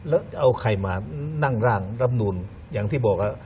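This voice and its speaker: A man's voice: mid-range voice, a little mellow, slight background noise. A man on a news talk show panel, commenting wryly and setting out his points one at a time. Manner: wry, deliberate, lists points one by one. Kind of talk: casual political news chat.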